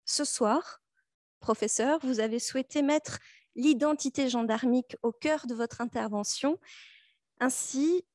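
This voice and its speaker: Woman, fairly high voice, dry close sound, formal prepared moderator introduction, measured. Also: darkish tone, no echo.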